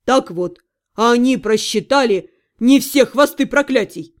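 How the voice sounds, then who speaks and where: Woman playing a smug demon guy, sarcastic, a bit high for a demon. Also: expressive, unhurried. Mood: sneering. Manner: sneering, sardonic. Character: sarcastic smug male demon, lord beyond death. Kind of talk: audiobook character reading.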